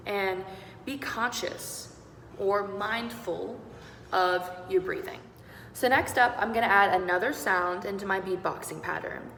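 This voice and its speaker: A woman's voice: medium pitch, fairly bright tone. A young woman singing teacher giving an upbeat online beatboxing lesson, walking learners through each sound step by step. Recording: roomy echo with long reverb and faint noise.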